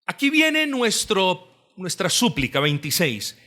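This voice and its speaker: A man's voice: sits high, sing-song, measured pace, bright, forceful tone. A man preaching an expository sermon, reading scripture with rising emphasis, repeating phrases and asking the congregation questions. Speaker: pastor.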